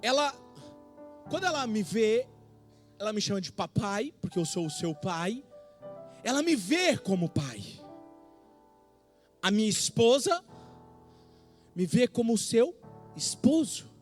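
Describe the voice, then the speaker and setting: A middle-aged man with a Brazilian accent, preaching an emotional testimony sermon, swinging from hushed to shouting. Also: high voice, sing-song, measured pace, pauses often, faint music behind. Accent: Brazilian Portuguese. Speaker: pastor. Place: church service with faint music behind.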